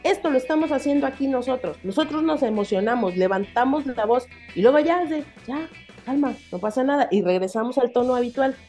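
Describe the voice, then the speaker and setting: Brief: Mexican woman, high pitch, blunt and profane podcast co-host. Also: expressive, brisk, warm tone, soft background music. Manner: emphatic, profane ranting. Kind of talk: heated podcast commentary.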